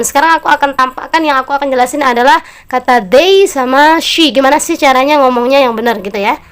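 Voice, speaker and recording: High-voiced Indonesian woman teaching English. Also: a bit bright. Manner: slow, drawn-out model pronunciations; friendly and encouraging, addresses learners directly. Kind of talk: online English lesson for beginners.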